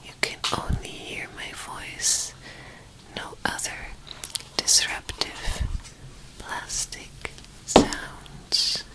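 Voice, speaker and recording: Slow whispering woman, soft-spoken ASMR. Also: low-quality recording. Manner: slow, hushed, gentle delivery for a tapping video. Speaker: ASMR video creator.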